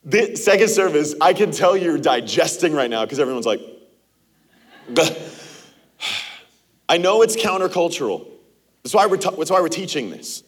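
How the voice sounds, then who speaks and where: Pastor guy preaching in a church, kinda husky voice sitting a bit high, chatty and acts out little back-and-forths. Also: very animated, moderate pace. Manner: conversational preaching with acted-out quotes and laughs. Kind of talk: sermon. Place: church auditorium.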